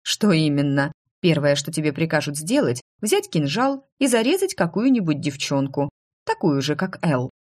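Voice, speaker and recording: A woman's voice: sits low, big pitch swings, normal speed, a little mellow. A woman playing a self-assured history teacher. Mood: stern.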